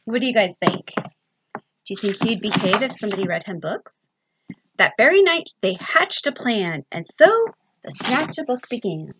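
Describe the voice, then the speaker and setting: A woman librarian reading a picture book aloud to children, with expressive sing-song storytelling and questions to her young listeners. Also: mid-range voice, background noise.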